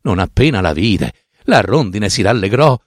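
A man reading a fairy tale aloud with a slow, sing-song, dramatic delivery on a close mic. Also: on the low side, sing-song, no echo. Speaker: storyteller.

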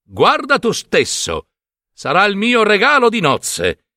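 A man's voice: sits high, huge pitch swings, slow pace, sharp tone, dry recording, clean studio sound, voice pushed up, full character voice. A man voicing a brave, earnest young male hero in a storybook reading. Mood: defiant.

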